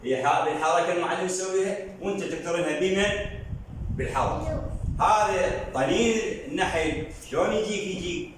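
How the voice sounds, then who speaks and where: A man's voice: sits high, brisk, a little hiss or hum. A man with an Iraqi accent teaching young children to read, patiently questioning and drilling syllables in a sing-song way. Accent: Iraqi Arabic. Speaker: primary school teacher. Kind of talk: early reading lesson for children. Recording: very echoey room, voice from far off.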